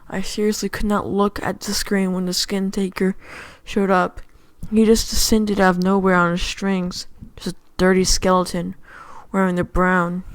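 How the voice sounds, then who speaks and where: Female horror reader, flat delivery, dead-dry booth sound. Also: mid-range voice, no room sound, poor audio. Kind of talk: scripted horror narration.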